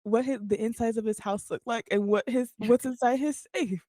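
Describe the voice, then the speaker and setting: A woman's voice: on the high side, moderate pace, no echo, studio quality. A young woman co-hosting a podcast, telling stories with lots of energy and frequent laughs. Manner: animated storyteller, laughs often. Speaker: podcast co-host. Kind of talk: casual chat.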